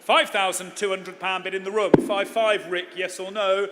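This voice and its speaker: A man's voice: high-pitched, flat delivery, moderate pace, heavy background noise. A man working as an auctioneer, calling live bids in a repetitive chant of numbers. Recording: echoey hall with long reverb.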